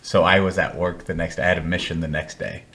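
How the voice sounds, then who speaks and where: A man with a low-pitched voice hosts a casual podcast conversation. He talks in an informal, conversational way, and faint noise sits behind his voice. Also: flat delivery, brisk, a bit bright. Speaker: podcast host, military veteran.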